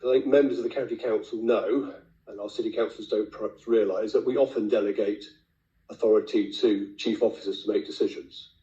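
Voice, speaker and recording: A man with a hoarse, raspy, failing voice, speaking bluntly as a councillor at a formal meeting. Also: on the low side, steady tone, a little fast, warm tone. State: losing his voice. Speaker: county councillor. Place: indoor council meeting room. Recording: echoey meeting room, muffled lo-fi sound.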